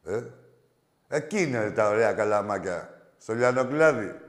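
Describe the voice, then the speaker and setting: A low-pitched man hosts a call-in show, and his voice rings in a roomy, echoing space. He talks in a brash, crude way and teases his callers with loud banter and laughs. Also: expressive. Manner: loud teasing with frequent laughs. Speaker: radio call-in show host.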